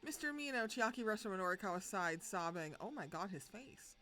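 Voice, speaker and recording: A woman's voice: lowish voice, fairly quick, a bit bright. A young woman streamer reading a game aloud, breaking off with laughter, swearing and joking asides.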